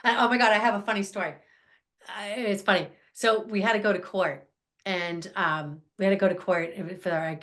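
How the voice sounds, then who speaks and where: A middle-aged woman hosting a podcast, telling stories in a lively, casual way with frequent laughter and fillers. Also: fairly low pitch. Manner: animated, laughs often, many fillers. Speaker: podcast host. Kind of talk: casual chat, storytelling.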